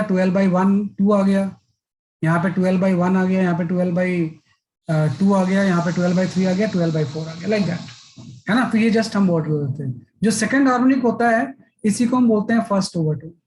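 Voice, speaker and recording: Physics teacher explaining step by step. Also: male voice, high-pitched, a little mellow, slight background noise, poor audio. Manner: explains step by step, repeats filler "है ना". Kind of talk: classroom lecture.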